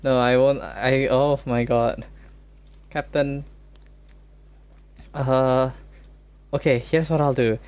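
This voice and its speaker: A man streaming casually, arguing playful debate prompts with joking disbelief and quick exclamations. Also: medium pitch, fairly even intonation, a little mellow, smooth. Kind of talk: casual solo stream chat.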